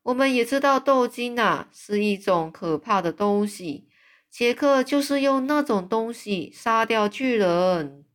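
A woman voicing a big, kind, friendly male giant who speaks softly and slowly in a storybook read-aloud. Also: fairly high pitch, lively intonation. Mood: hushed calm. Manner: soft, slow, hushed.

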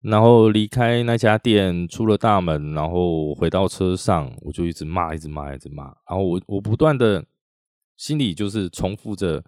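A man with a Taiwanese Mandarin accent hosts a podcast, telling a personal story in a loose, chatty way full of drawn-out tag particles. His voice sits very low. The sound is dry and close. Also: no echo. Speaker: podcast host. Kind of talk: casual storytelling monologue.

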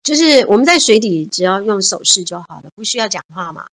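Her mid-range voice is very animated and fairly quick as this fifties-aged woman, Taiwanese Mandarin accent clear, recounts childhood memories and adventures on the radio. She comes across as warm-hearted and earnest, frequently breaking into exclamations while telling her stories.

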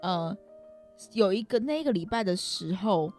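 A young woman with a Taiwanese Mandarin accent, appearing as a podcast guest, rambles through personal stories in a casual, self-deprecating way and hedges as she goes. Her medium-pitched voice is animated and a little mellow, at a moderate pace, with soft music in the background.

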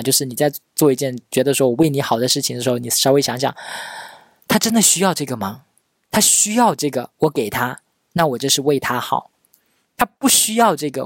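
Guy in his 30s chatting thru a family story on his podcast, talks quick, dry room. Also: a little high, no echo. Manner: chatty, acts out relatives' quoted lines. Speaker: podcast host. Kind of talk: casual storytelling monologue.

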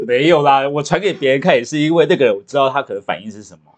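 Guy chatting fast on a podcast, voice jumping all over, jokey. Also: mid-range voice. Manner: animated, chatty, jokey storyteller. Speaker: podcast co-host about to marry. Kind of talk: casual chat.

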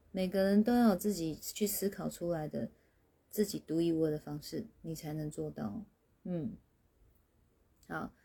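A woman, a spiritual teacher on a livestream, explaining patiently as her phrases trail off softly. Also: medium pitch, slightly rough. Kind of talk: livestreamed talk answering questions.

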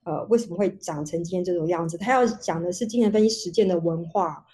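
Mellow husky woman. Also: lowish voice, quick pace. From Taiwan. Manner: long reflective explanations with many restarts. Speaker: guest speaker, researcher. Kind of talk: online panel talk. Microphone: video call.

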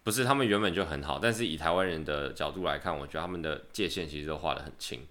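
A young man from Taiwan with a Taiwanese Mandarin accent, telling stories lively on a casual podcast and throwing in slangy curses. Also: extremely low pitch, fast. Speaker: podcast co-host. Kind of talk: casual chat, storytelling.

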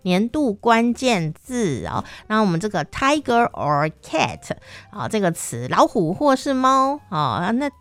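A woman's voice: medium pitch, unhurried, dry recording. A young adult woman with a Taiwanese Mandarin accent, hosting a casual podcast and telling stories animatedly with frequent laughter. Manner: animated storyteller who laughs often. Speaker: podcast host.

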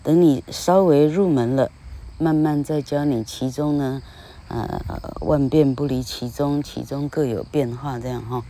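A woman's voice: a bass voice, fairly even intonation, measured pace, warm tone, slight background noise. A woman hosting a podcast English lesson, talking in a chatty, rambling way and tagging phrases with a little "ha". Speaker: English teacher podcast host. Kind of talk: casual spoken lesson.

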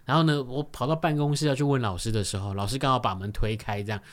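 A man's voice: medium pitch, fairly even intonation, fast talker. A young man with a Taiwanese Mandarin accent, a radio guest telling a comic story and acting out voices and sound effects. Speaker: studio guest.

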